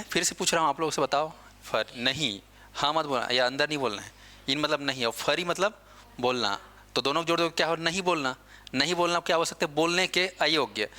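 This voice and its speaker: A man's voice: a little high, bright, forceful tone. A male teacher giving a lecture, asking his class questions and answering them himself, with English words mixed in. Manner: asks questions and answers them himself, repeats key points.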